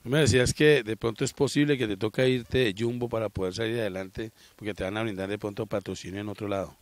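Earnest middle-aged TV reporter. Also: male voice, lowish voice, steady tone, quick pace, no room sound. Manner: earnest, moralizing. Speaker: local TV reporter. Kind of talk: TV interview and commentary. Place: outdoors by a sports ground. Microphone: handheld mic.

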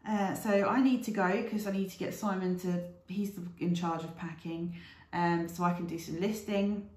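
A woman's voice: lowish voice, fairly even intonation, moderate pace, a little mellow, echoey room. A British woman in her thirties, chatting casually to camera in a rambling, aside-filled way as a reseller vlogger. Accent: British English.

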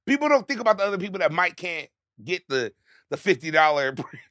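A man's voice: high-pitched, sing-song, brisk, fairly bright tone, dry recording, studio quality. A man hosting a casual podcast, loose and joking as he hypes up his guest. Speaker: podcast host.

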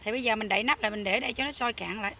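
A loud, chatty young woman with a Mekong Delta accent, speaking straight to her viewers as she cooks. Her voice sits high and rings bright and sharp, pitched to carry over the noise of kids in a rural hut kitchen. A faint hum of background noise sits under her voice. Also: racing. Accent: Southern Vietnamese, Mekong Delta. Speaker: cooking vlogger. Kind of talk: casual cooking vlog chat.

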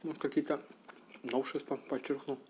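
Man, middle-aged, mouth full, chewing, relaxed reminiscing, warm dark tone. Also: medium pitch, normal speed, slight background noise. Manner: relaxed, reminiscing, drifting to a whisper. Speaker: mukbang vlogger. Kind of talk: casual nostalgic chat while eating.

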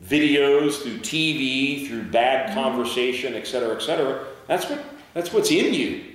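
A male pastor preaching a sermon, reading scripture slowly and asking the congregation to call out words. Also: medium pitch, animated, fairly bright tone. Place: church sanctuary. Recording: very echoey church hall, mic far off.

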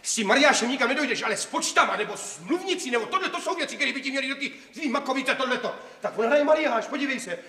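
An actor playing a quick-tempered middle-aged husband and father who keeps demanding answers and lectures his family, in an old TV comedy. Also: very high-pitched, lively intonation, bright, forceful tone, heavily acted. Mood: lecturing. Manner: indignant, interrogating, lecturing. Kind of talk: 1970s TV comedy acting. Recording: echoey old TV soundtrack.

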